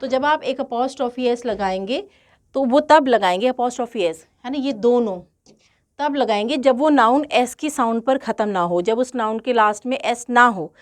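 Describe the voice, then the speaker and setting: This English grammar tutor, a woman with a voice on the high side, gives a grammar lesson that mixes Hindi and English. She speaks slowly and deliberately, repeating key points and posing rhetorical questions.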